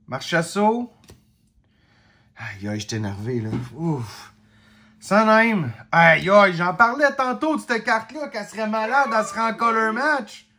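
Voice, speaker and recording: Man, Québécois accent, card-opening vlog, excitable, drawn-out unhurried delivery. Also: high voice. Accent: Québécois French. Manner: excitable, exclaiming, slangy. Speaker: card collector opening packs.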